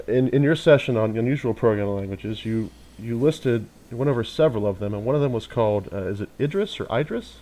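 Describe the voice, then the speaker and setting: A man with a somewhat low voice hosting a conversational interview. He affirms the guest's points and checks in with tag questions before asking the next one. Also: dark tone. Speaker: interviewer, host.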